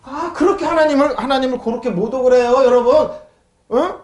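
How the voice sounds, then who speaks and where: A man's voice: very high-pitched, fairly quick, a little mellow, echoey room. A male pastor preaching a sermon who keeps asking his congregation questions and answering them himself. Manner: mocks scoffers in a raised voice. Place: church sanctuary.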